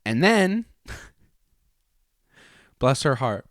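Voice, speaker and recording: A man's voice: mid-range voice, big pitch swings, extremely slow, a bit bright. A man telling a personal story in a casual, comedic podcast style, profane and exaggerating. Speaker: podcast host and pro wrestler.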